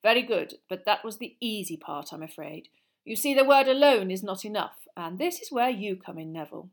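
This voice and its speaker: A woman voicing a calm, encouraging male professor of magic in storybook dialogue, explaining things in a measured, teacherly way. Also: medium pitch, creaky. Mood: gently encouraging. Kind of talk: acted audiobook dialogue.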